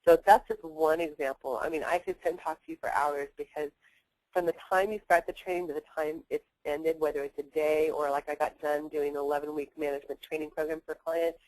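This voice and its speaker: A woman's voice: low-pitched, steady tone, a little mellow, dry recording, poor audio. Blunt, chatty woman trainer. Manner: fast, blunt, chatty with many fillers. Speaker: workplace trainer. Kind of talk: webinar presentation.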